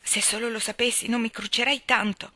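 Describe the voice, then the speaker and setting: A woman's voice: fairly high pitch, little pitch movement, a little fast, bright, forceful tone, no echo. A woman voicing a tearful forty-year-old spinster. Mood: aggrieved. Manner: sobbing, indignant, pleading outbursts.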